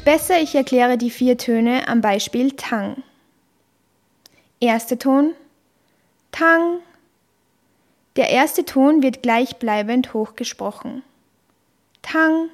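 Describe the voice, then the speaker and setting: A woman giving an explanatory language lesson, deliberately sounding out syllables and tones. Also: a little high, darkish tone. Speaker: language teacher.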